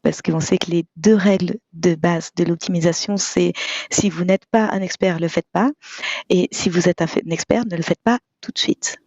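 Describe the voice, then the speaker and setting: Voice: medium pitch, fairly even intonation, moderate pace, darkish tone, no room sound. A guest speaker in a casual tech discussion, emphatic, playful and opinionated. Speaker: database expert guest. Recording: dry, dull lo-fi sound.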